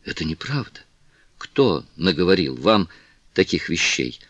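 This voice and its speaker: A man reading the lines of a distressed young noblewoman, with soft, halting pleas, in an audiobook. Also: deep voice, big pitch swings, dry recording, full character voice. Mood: evasive, tearful.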